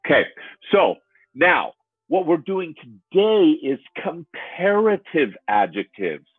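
Slow, animated male English tutor. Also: on the high side, breathy edge, dry recording. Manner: animated, stretches and repeats words for learners. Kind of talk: slow, drawn-out teaching with examples. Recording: muffled, phone-like online lesson audio.

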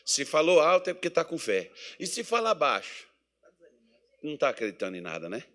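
A man's voice: a little high, a little fast. A man with a Brazilian Portuguese accent from Mato Grosso, preaching a sermon in a church meeting hall and asking the congregation questions. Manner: animated preaching with call-and-response questions to the congregation.

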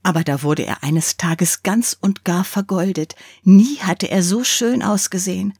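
A woman reading a fairy tale aloud in an expressive, unhurried storytelling manner. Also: on the low side, husky, dry recording, studio quality. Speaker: reader.

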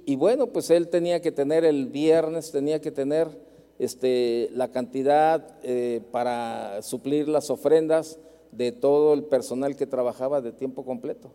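Mexican pastor guy preaching, storytelling, repeats stuff for emphasis, super mellow voice, big hall echo. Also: mid-range voice. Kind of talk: sermon.

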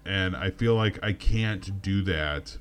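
Man playing a tipsy, halting, low-voiced alien. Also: a bit bright. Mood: awkward, reluctant. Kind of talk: improvised comedy role-play chat.

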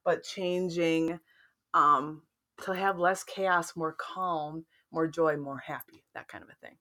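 A woman co-hosting a podcast, telling stories in a rambling, animated casual chat. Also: low voice, slow. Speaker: podcast co-host.

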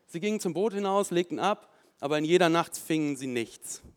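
A man preaching a sermon, telling the story lively and with emphasis and voicing the people in it. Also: a little high, fairly quick, clear, resonant tone. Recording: long hall reverb.

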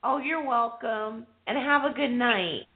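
A woman's voice: on the high side, measured pace. A woman hosting a call-in radio show, chatting casually in an informal, reassuring way. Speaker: radio show host taking callers. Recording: tinny phone-line sound.

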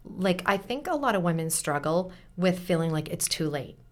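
A woman in her forties with a Boston-area American accent appears as a podcast guest, chatting earnestly and casually while offering encouraging, motivational advice. Her voice is lowish, with lively intonation and a moderate pace.

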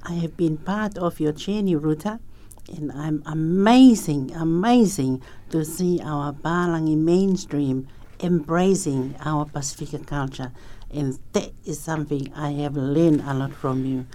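A woman's voice: low-pitched, unhurried, dark tone. A woman hosting a conversational interview, effusive and appreciative in her manner. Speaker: podcast interviewer.

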